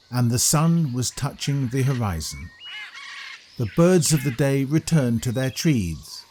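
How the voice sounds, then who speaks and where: Telling a scripted children's tale, a medium-pitched man uses a deliberate, expressive storytelling style. A slight hiss or hum can be heard.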